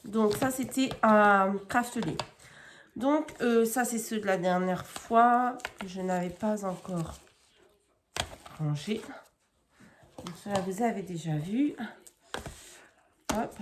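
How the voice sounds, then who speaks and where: A woman's voice: a little high, a little hiss or hum. A woman chatting casually in a crafting haul vlog, rambling and correcting herself with many fillers as she shows items at home. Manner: chatty and unhurried. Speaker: crafting vlogger.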